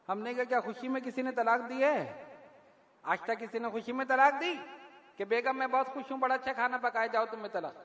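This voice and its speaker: A man preaching a sermon, telling stories and acting out the dialogue in an animated way. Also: extremely high pitch. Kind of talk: sermon storytelling. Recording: echoey hall with long reverb.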